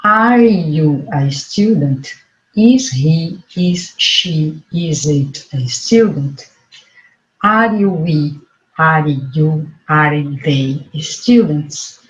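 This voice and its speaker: A teacher with a Brazilian Portuguese accent gives a remote lesson, speaking slowly and patiently repeating each point. Their voice sits at a middle pitch. The recording is dull and lo-fi, with a roomy echo and a faint hiss underneath. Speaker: English teacher. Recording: echoey room, dull lo-fi sound, faint noise.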